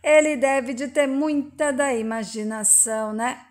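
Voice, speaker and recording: A proud rancher's wife, hurt and reproachful, as a woman reading a storybook recap puts her on. She fires sharp, accusing questions in a high voice. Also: a little slow.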